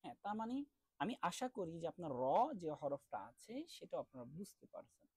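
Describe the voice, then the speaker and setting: A man teaching an online class with a lively, rising and falling voice. He stretches each letter sound out slowly and often asks a question, then answers it himself. The sound is dry and close, with no room echo. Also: sits high, breathy edge. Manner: explains step by step, drawing out letter sounds slowly. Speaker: Quran recitation teacher.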